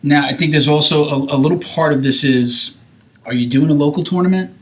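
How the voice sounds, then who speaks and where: A man's voice: on the high side, fairly quick. A man in his forties hosting a podcast, talking casually and rambling a little as he asks questions. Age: 40s. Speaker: podcast host. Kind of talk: casual chat.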